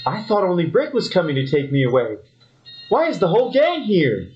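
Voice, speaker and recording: A man's voice: high-pitched, wildly swooping pitch, brisk, a little mellow, muffled recording, a little hiss or hum. A man voicing a naive, lovesick young brother in a parody soap opera, whiny and melodramatic.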